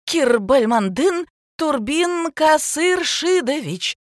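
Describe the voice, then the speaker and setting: A woman's voice: on the low side, very animated, measured pace, dry recording, studio quality. A reader voicing a flustered female deputy head teacher who stumbles over words.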